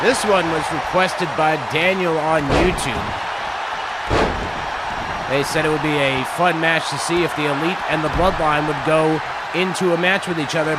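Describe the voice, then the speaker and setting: A man hosting and commentating on a wrestling video game, chatty and improvised, with excited play-by-play. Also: on the high side, very noisy. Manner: chatty, self-deprecating, improvised.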